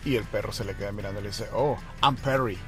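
A man who tells a joke in calm, low-key storytelling. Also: fast, over music. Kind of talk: joke telling.

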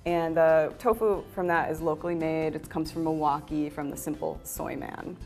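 A woman's voice: deep voice, steady tone, normal speed, darkish tone, soft background music. A middle-aged woman, a restaurant owner, explaining a menu on a TV cooking segment with a hesitant, earnest manner. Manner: hesitant, lots of ums, earnest. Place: indoor TV studio kitchen set.

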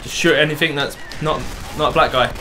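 Bright-voiced guy gaming. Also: fairly high pitch, brisk, soft background music. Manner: excitable, giving directions to his teammate. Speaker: let's play co-host. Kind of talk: casual gaming commentary.

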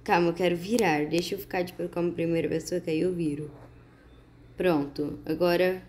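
Excited brazilian woman narrating gameplay. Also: on the low side. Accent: Brazilian Portuguese. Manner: chatty, excited, talks to viewers. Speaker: gaming YouTuber. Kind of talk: casual gameplay commentary.

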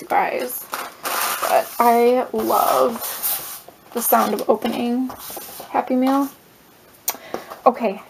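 A woman in her thirties chatting through an unboxing, slow and drawn out, with a gravelly fry to her voice. She gasps and gushes over each little gift, and faint noise sits under the recording. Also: fairly high pitch, poor audio. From United States. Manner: gushing, gasping, lots of "oh my gosh"; slow, drawn-out speech with soft breathy asides. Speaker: crafter unboxing a mail swap. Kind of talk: casual unboxing vlog.

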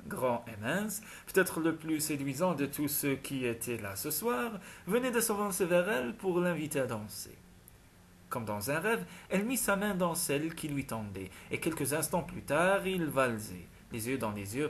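A man narrates a romance audiobook in a measured, storytelling manner. His voice sits a little high for a man, with a faint hiss behind it. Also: a bit bright. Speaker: audiobook reader. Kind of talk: scripted narration.

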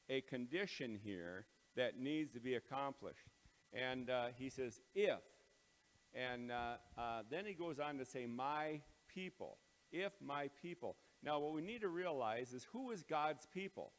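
A pastor's voice, a man of middle pitch, leads a casual devotional talk and prayer. He speaks in a plain, halting way, full of ums and uhs. Every word rings with big hall echo from a bare, empty auditorium under renovation. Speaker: pastor leading morning devotions.

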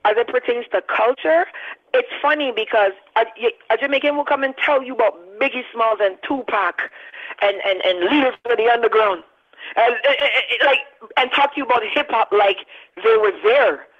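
A woman in her thirties, a radio interview guest, making an animated, emphatic argument. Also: on the high side, moderate pace. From Barbados. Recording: dull lo-fi sound.

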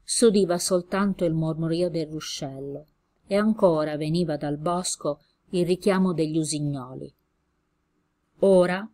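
Low-voiced woman reading a story aloud. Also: dark tone. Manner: measured, with small slips and self-corrections. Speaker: reader.

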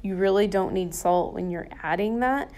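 A woman talks through her home cooking in a relaxed voice-over. She is chatty and enthusiastic, with folksy asides and a middle-pitched voice. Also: normal speed. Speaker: cooking vlogger. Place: home kitchen.

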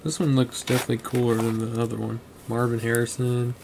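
This card collector vlogger talks quickly and flatly in a gravelly, darkish mid-range voice, chatting and muttering names while sorting a box of collectibles at his home desk. The rough recording carries a little hiss or hum.

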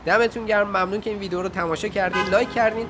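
A man's voice: sits high, fairly even intonation, music in the background. A man giving informal, direct study advice to his viewers in a casual vlog.

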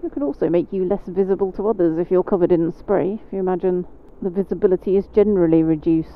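A motorcycle instructor, a British woman whose voice sits on the low side, explains each riding step in a calm, measured way while riding on wet roads in the rain. It's instructional commentary captured on a phone-like helmet mic amid engine and road noise.

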